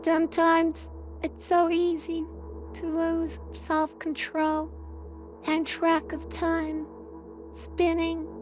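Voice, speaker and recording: Very high woman with robotic auto-tune. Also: darkish tone, muffled recording. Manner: sing-song robotic delivery. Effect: robotic auto-tune voice filter. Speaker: horror game streamer. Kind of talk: let's-play commentary and reading game text aloud.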